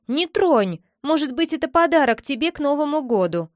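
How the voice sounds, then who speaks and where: A woman's voice: sits high, sing-song, moderate pace, no room sound, studio quality, voice pushed up. A woman voicing a young girl who coyly keeps a secret from her brother and teases him. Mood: teasing. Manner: teasing, coy, lightly scolding.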